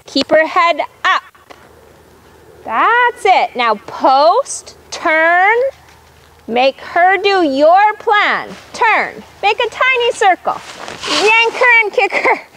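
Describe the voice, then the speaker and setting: A woman riding instructor projecting brisk commands across an arena, firm and encouraging, often repeating short instructions. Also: extremely high pitch, fairly bright tone, slight background noise.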